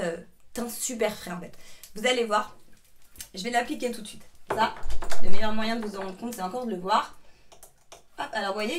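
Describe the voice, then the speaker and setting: A young woman chatting casually through a make-up tutorial, talking straight to her viewers from a room at her grandmother's house. She is apologetic and hesitant and fills her sentences with lots of "euh". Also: medium pitch. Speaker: beauty vlogger.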